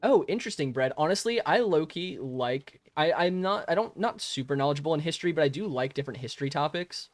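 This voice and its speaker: Talking fast with few pauses, this young adult live streamer has a fairly high, expressive voice and no echo on his modest home mic. While playing, he answers chat in a friendly, rambling, casual manner, laughing frequently and restarting sentences.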